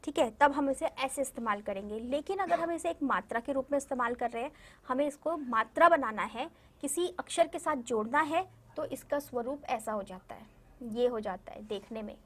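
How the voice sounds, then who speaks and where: A young woman teaching a Hindi lesson to young children in an online video, patiently repeating words and often checking that the children understand. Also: sits high. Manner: patient, repeats words slowly and drills vowel signs. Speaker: primary school Hindi teacher.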